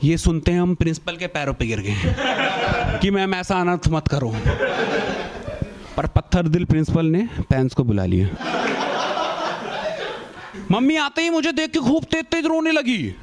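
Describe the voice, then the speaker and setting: A male stand-up comedian telling a school story in an animated way, acting out the people in it. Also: high voice, normal speed, long pauses. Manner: animated, acts out quoted characters. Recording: noisy live stage recording.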